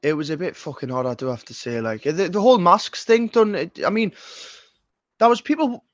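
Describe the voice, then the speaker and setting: A man's voice: high-pitched, animated, a little fast, dry recording, muffled recording. A man in his twenties with a Geordie accent, a singer-songwriter talking as a podcast guest in a casual, rambling way, full of swearing and restarts. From Northeast England. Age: 20s.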